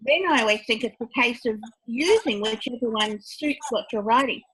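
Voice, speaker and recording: A woman author on a panel discussion, giving steady, practical advice. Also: fairly high pitch, normal speed, rough recording.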